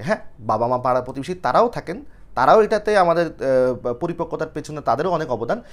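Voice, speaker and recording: A young man teaching a poem to students, explaining word meanings and quizzing with questions he answers himself. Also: on the high side. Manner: lively, asks questions and answers them himself.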